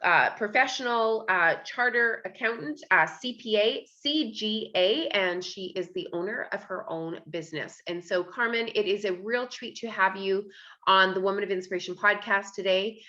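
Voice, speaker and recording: Bright-voiced woman podcast host. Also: medium pitch, moderate pace, highs cut off. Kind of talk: interview podcast.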